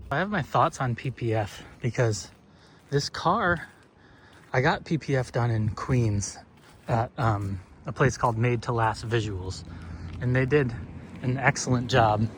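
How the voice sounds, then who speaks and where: A man vlogging outdoors as he washes his car, talking in a relaxed, rambling way with plenty of fillers. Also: medium pitch, slight background noise. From northeastern United States. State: slightly out of breath. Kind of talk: casual talk while washing a car.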